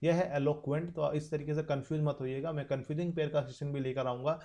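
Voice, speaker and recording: A young man with an Indian accent gives an exam-prep vocabulary lesson. His voice is slightly high and warm, and he slows right down to read each English example sentence carefully. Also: steady tone. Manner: explains in Hindi, reads English example sentences slowly. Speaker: vocabulary teacher.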